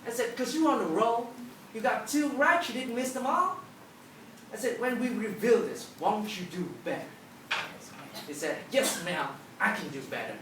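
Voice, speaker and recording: A woman's voice: on the high side, expressive, normal speed, long pauses. Female public speaker, emphatic storyteller, motivational delivery, captured at a distance in a very reverberant hall. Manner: emphatic storytelling, acting out dialogue. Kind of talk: motivational talk to a live audience. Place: large auditorium with an audience. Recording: echoey hall, distant, noisy.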